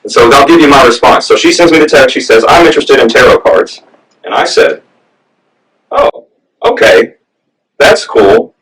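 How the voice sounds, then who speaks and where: A man from the American South doing a stand-up set, telling stories in a deadpan way. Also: mid-range voice, fast. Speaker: stand-up comic. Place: comedy club stage with audience. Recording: distant mic, loud crowd.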